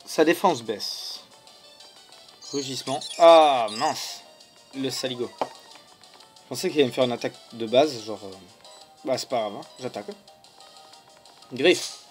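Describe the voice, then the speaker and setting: A man's voice: medium pitch, measured pace, long pauses, faint music behind. A young man doing casual let's play commentary, joking and swearing at characters while reading their lines aloud. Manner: joking, swears at game characters, reads dialogue in silly voices.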